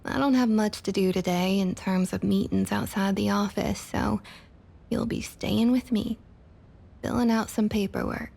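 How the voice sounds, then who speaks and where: A woman voices a domineering, centuries-old vampire councilwoman, a coolly possessive Southerner, in scripted, intimate ASMR roleplay. Her medium-pitched voice is husky, breathy and often half-whispered, with a steady tone and measured pace. She drawls with a Southern US accent, coolly condescending and quietly threatening.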